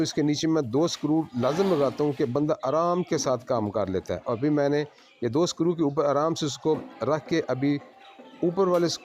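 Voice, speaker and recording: A man working as a solar installer, giving a plain, unhurried on-site explanation of his work to viewers at a house. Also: a little high, a little mellow, highs cut off.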